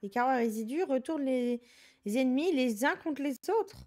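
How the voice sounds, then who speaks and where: A woman's voice: sits high, expressive, moderate pace, a little mellow, slight background noise. A woman giving casual gameplay commentary, speaking informally and directly to her viewers. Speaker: gamer.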